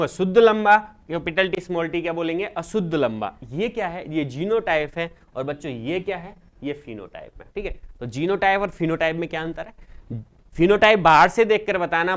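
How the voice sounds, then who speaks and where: Man, teacher, Rajasthani Hindi accent, classroom lecture, fairly high voice, keeps quizzing the class. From India. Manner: lively, repeats questions to students and answers them himself.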